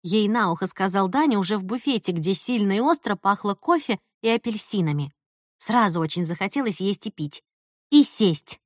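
A woman narrating an audiobook with lively storytelling. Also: medium pitch, moderate pace, dry recording, studio quality.

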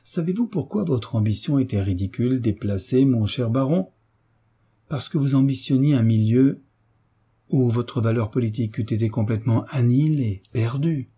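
A man voicing a sly, ironic hunchbacked marquis in an audiobook, teasing with drawn-out courtesy. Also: medium pitch, expressive, mellow, breathy edge. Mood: mocking. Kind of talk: audiobook character reading.

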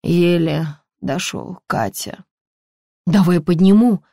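A woman reading an audiobook, voicing an exhausted, injured working man who speaks in halting, broken phrases, at times barely audible. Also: lowish voice, steady tone, no echo, studio quality. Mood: faint weak.

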